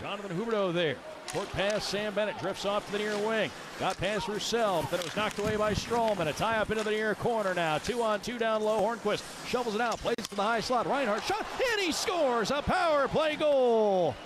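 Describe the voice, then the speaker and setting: A man doing rapid, excited hockey play-by-play as a radio announcer, over an arena broadcast. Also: high-pitched, background noise. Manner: excited goal calls.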